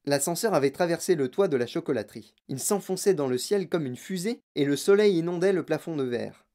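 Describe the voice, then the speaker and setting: An audiobook narrator reading a children's story in a measured, expressive way. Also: medium pitch.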